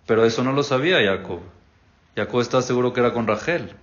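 A man's voice: medium pitch, fast. A man, a rabbi teaching an interactive Torah class, who questions his students and acts out the figures' words. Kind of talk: interactive religious lesson. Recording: dull lo-fi recording.

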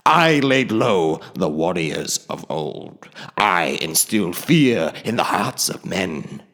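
A man voicing a deep, boastful old dragon. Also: sing-song, a bit bright, in a large hall, full character voice. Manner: slow, grandiose, swelling to sudden booming lines. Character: ancient, huge, boastful male dragon. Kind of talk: audiobook character reading.

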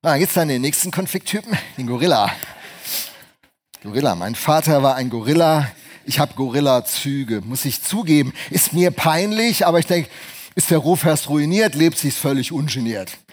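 A man preaching a lively sermon, swinging between hushed and loud voices. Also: on the high side, moderate pace.

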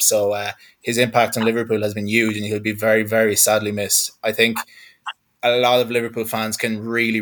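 Man in his twenties, west of Ireland accent, low-pitched, monotone, reflective sports journalist. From Galway, west of Ireland. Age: 20s. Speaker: freelance sports journalist, panel guest. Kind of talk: football discussion.

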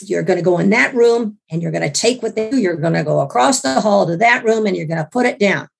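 A hoarse woman with a gravelly voice quoting a bossy male demon guard who gives her orders. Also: mid-range voice, lively intonation, fast, heavily acted. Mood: commanding.

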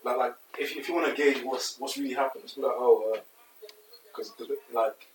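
A man's voice: medium pitch, fairly even intonation, quick pace, distant mic. A man in his twenties with a London roadman accent, chatting casually in slang with friends and repeating words to hold the floor. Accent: London roadman, multicultural London slang. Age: 20s. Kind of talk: casual group banter. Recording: echoey room, off-mic, noisy.

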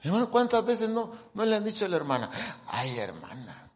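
A man's voice: sits high, quick pace. A middle-aged man preaching a humorous sermon, joking and acting out the people he quotes. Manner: jokey, animated, acts out quoted people. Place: church hall. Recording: long church-hall reverb.

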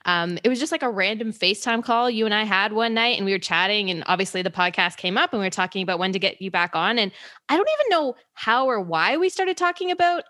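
A woman's voice: medium pitch, animated, fast, bright, forceful tone, dry recording, studio quality. A woman hosting a casual music podcast over cocktails, bubbly and enthusiastic. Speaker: podcast host. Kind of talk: casual chat over drinks.

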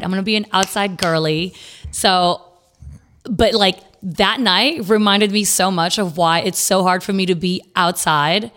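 A woman's voice: on the low side, a bit bright. A young adult woman from Los Angeles, a guest DJ chatting casually on a podcast, loose and profane with lots of "like" fillers. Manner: chatty, swears freely, many "like" fillers.

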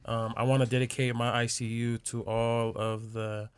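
A man co-hosting a casual talk show, relaxed and slangy, laughing easily. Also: mid-range voice, moderate pace, smooth. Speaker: radio show co-host. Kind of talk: casual radio chat.

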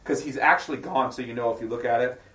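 Speaking fast in a medium-pitched, fairly bright voice, a man runs a casual Bible study for a small group. He reads passages aloud, explains them in offhand asides, and checks in with questions to the group, recorded far from the mic in an echoey space.

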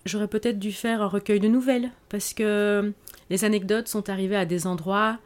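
A woman answers questions in a podcast interview. She sounds reflective and unhurried, often pausing on fillers as she searches for words. Her pitch sits in the middle range. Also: fairly even intonation. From Belgium. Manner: reflective, hesitant with frequent fillers. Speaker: author guest.

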